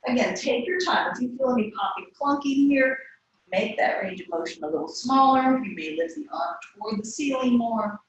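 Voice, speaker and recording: Calm woman cueing yoga breaths. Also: a little high, normal speed, lo-fi sound. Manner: calm cues timed to the breath. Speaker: yoga teacher. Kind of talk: guiding a yoga class. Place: yoga studio. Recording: echoey room, voice from a distance.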